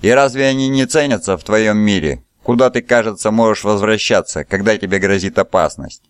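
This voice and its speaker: A man's voice: on the low side, brisk, smooth, no echo, close to an everyday voice. Proud, contemptuous noblewoman read by a male narrator, imperious tone, dry close sound, audiobook. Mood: scornful. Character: proud scornful young noblewoman, fiery.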